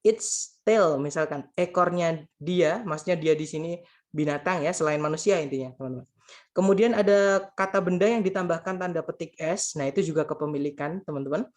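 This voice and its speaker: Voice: medium pitch, fairly quick, a little mellow. A grammar tutor giving a casual spoken lesson, patiently repeating points and translating each example while addressing the listeners as friends.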